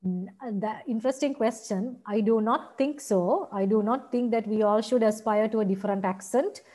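A woman's voice: fairly high pitch, normal speed, dark tone. A woman with a Sri Lankan accent giving a teacher-training seminar, explaining point by point and checking in with "right?". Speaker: seminar lecturer.

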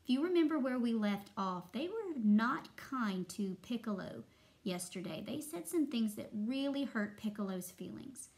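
A young woman teacher reading a picture book aloud to first graders and giving clear, patient instructions between passages. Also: fairly high pitch, expressive, moderate pace, darkish tone. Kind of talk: reading a story aloud to children.

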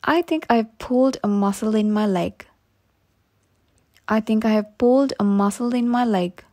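An English teacher with a fairly high, darkish-toned voice reads practice sentences for learners of English. She goes very slowly and carefully, repeating each phrase twice so listeners can say it back.

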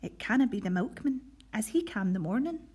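A woman's voice: fairly high pitch, animated, moderate pace, slightly rough. A woman with a Scottish accent voicing a kindly, welcoming mother in a read-aloud storybook, in a sing-song way. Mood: wondering. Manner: warm, sing-song questioning.

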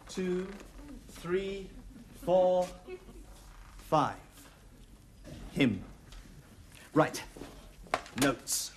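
A cheeky airman orderly. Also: fairly high pitch. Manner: cheeky, exasperated. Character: put-upon airman orderly, cheeky and flustered. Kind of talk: 1970s sitcom acting. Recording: noisy TV recording with audience laughter.

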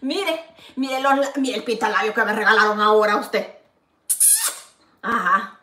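A woman's voice: mid-range voice, a little slow, bright, forceful tone, echoey room, recorded from a distance. A woman from El Salvador with a Salvadoran Spanish accent, chatting playfully to viewers while cooking in her home kitchen. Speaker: vlogger. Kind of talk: casual cooking vlog chat.

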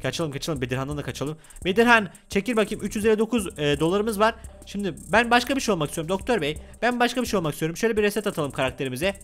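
Excitable high-voiced man, playful. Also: very fast, hardly any pauses, faint music behind. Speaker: gaming YouTuber. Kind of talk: playful gameplay commentary.

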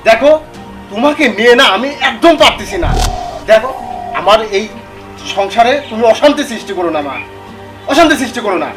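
A man's voice: very high voice, expressive, brisk, pauses often. An actor playing a greedy young husband who scolds his mother and courts his mother-in-law's money. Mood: irritated. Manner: pleading, irritated. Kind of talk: social drama acting. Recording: music bed behind voice.

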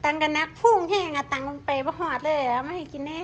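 A woman's voice: sits high, fast, slight background noise. A woman with an Isan Thai accent, chatting casually and coaxing her pets in a sing-song voice. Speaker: pet vlogger.

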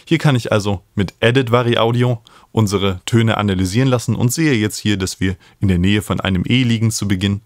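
Speaking fairly quickly in a lowish voice, this thirty-something man hosts and tutors music production, explaining each step in turn. A studio mic on a stand sits close to him in a small indoor home studio, leaving no room sound.

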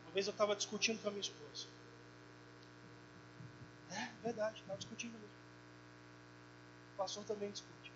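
A man preaching a sermon in a church as the pastor, talking with impassioned fervor that rises into loud prayer. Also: high voice, brisk, pauses often. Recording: dull muffled audio with mains hum.

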